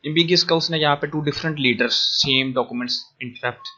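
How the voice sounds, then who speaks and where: A man talks through study material in a casual recorded lecture, his voice bright and forward. He explains step by step, drops in fillers, and slips into English phrases. The sound is dull and lo-fi, like a cheap recording mic. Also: a little high, a little fast. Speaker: tutor. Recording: dull lo-fi audio.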